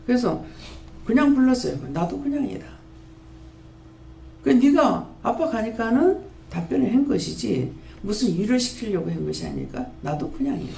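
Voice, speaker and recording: Gravelly Gyeongsang woman in her fifties preaching. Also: normal speed, a little hiss or hum. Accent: Gyeongsang Korean. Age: 50s. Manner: earnest, storytelling, lively pitch swings. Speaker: pastor of a prayer house. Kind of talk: sermon testimony. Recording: echoey room with faint ambience.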